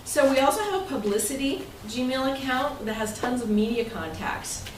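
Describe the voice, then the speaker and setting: This woman's voice sits high, with lively intonation and a normal speed. Presiding over a club meeting, she speaks to members informally, chatting and rambling in loosely worded remarks. It was recorded from afar, so it sounds roomy and noisy.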